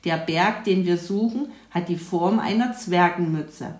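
A woman's voice: on the low side, measured pace, a little mellow, close to an everyday voice. A woman voicing a cautious, sensible young boy in a storybook, earnest and a bit reluctant. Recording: roomy echo.

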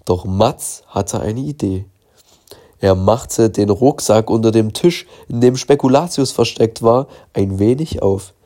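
A man narrating a children's storybook in a calm, measured reading voice. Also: lowish voice. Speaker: audiobook narrator.

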